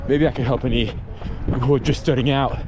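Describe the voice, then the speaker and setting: A man's voice: mid-range voice, fairly even intonation, a little fast. A man chatting casually to viewers while running outdoors. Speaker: running vlogger. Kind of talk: casual vlog chat to viewers. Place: outdoors on a road run. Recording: clear wind and outdoor traffic noise.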